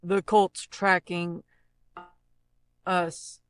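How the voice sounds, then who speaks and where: Extremely slow and flat, a smooth voice plays a grim fugitive issuing terse, urgent game-style warnings, with faint music behind. The short dramatic lines loop as a sample demonstrating pitch and robotic cyborg effects.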